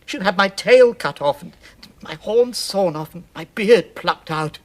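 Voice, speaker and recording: A man voices a gentle, timid faun in a radio theatre storybook drama, sounding fearful, fretful and self-reproachful. His delivery is halting and theatrical, with a high, expressive voice.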